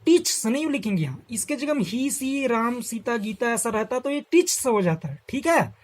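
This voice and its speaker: A woman teaching a grammar lesson who repeats each example slowly and quizzes the listener. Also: a little high, very animated.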